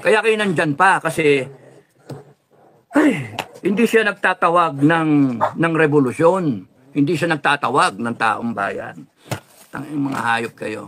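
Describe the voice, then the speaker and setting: Guy doing an angry political vlog rant, keeps cursing, high tense voice. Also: a little slow, long pauses, fairly bright tone, a little hiss or hum. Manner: heated, cursing, mixes Tagalog with English. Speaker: political vlogger.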